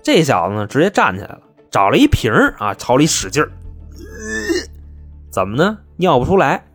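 A male storyteller, chatty and wry in a colloquial way. His husky voice swings through a wide, animated range, with faint music playing behind. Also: medium pitch, moderate pace. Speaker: storyteller host. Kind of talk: comic crime storytelling.

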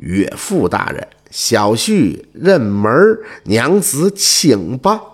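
A man voicing a sly male snake immortal in a folk tale, speaking slowly and drawing out his words in a teasing way. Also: medium pitch, very animated, breathy edge, exaggerated voice. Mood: courtly. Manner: slow, drawn-out, teasing.

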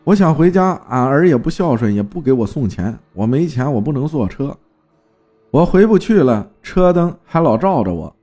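A man voicing the lost ghost of an old woman, hoarse and tearful, speaking softly, slowly and plaintively. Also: medium pitch, sing-song, soft background music, voice pushed up. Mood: pleading.

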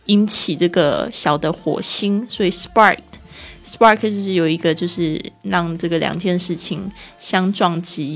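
A woman teaching English vocabulary, slowing down to read phrases and spelling words letter by letter. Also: on the low side.

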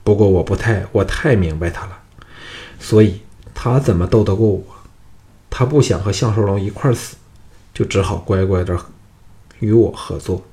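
A man's voice: fairly low pitch, normal speed, pauses often, mellow, natural voice. A man voicing a scheming, cruel male noble villain in an audiobook, with a cold, gloating, menacing delivery. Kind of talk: audiobook character voice.

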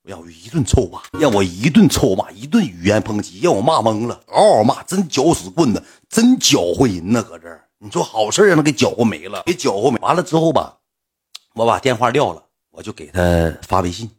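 Man, Northeastern Mandarin accent, casual storyteller, husky voice, rapid-fire, repeats himself. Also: fairly low pitch. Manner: colloquial, repetitive, animated retelling.

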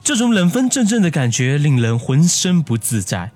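A man narrating a first-person horror story in a hushed, suspenseful manner. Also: on the high side, big pitch swings, normal speed, no echo.

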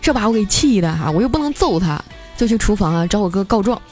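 A young woman host telling a comic story in a chatty way, stretching her sentences with drawn-out particles. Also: mid-range voice, expressive. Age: young adult. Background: faint background music.

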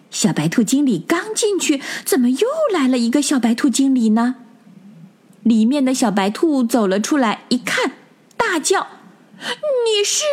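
Bedtime storyteller, woman, gentle, lively, slightly high. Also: slightly rough. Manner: gentle and expressive, addresses the children. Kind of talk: children's bedtime story narration.

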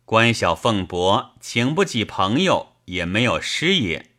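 A man's voice: lowish voice, big pitch swings, slow, bright, forceful tone, heavily acted. A man voicing a stern, upright middle-aged official who speaks curtly and commands. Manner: curt and commanding.

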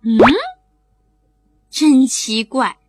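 A woman's voice: on the high side, extremely slow, a little mellow, breathy edge, dry recording, heavily acted. A woman voicing a cheerful, curious little boy in a children's bedtime story, eager and questioning. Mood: puzzled.

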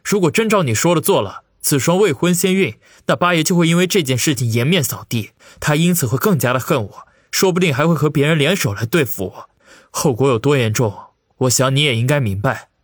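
A man voicing a calm young man who speaks earnestly and persuasively, with a husky voice. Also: fairly high pitch, a little fast, no room sound, clean studio sound.

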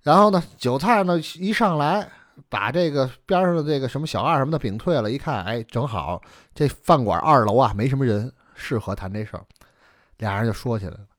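A male storyteller tells a traditional tale in a chatty, explanatory way. His pitch moves lively and expressively. The sound is close and dry. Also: a little fast, dry recording. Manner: chatty, explanatory asides with many fillers.

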